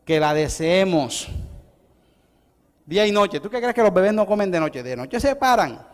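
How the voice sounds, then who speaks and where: A middle-aged male pastor, preaching an evangelistic sermon. He swings from loud, rising declarations to soft, conversational asides. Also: high voice, very animated, normal speed. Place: church hall. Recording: long church hall reverb.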